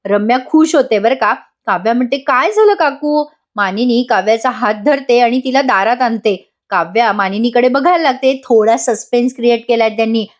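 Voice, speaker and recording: A woman's voice: fairly high pitch, a little fast, few pauses. Chatty woman recapping a TV episode. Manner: chatty, addresses the audience. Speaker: episode reviewer.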